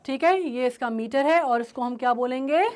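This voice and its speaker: A woman teacher with an Indian English accent leads a lesson on a poem, her voice sitting high. She mixes Hindi and English and keeps checking that students are following. She slows right down when reading lines aloud. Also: darkish tone. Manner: switches between Hindi and English, checks understanding often, reads lines slowly. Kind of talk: classroom-style lesson explaining a poem.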